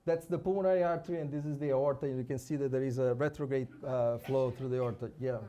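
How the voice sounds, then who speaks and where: At a conference, a Brazilian man speaks English with a Brazilian Portuguese accent, discussing fetal hearts over a live scan. He talks fast in a steady, dark-toned, mid-range voice, keeping things informal with many restarts and tag questions.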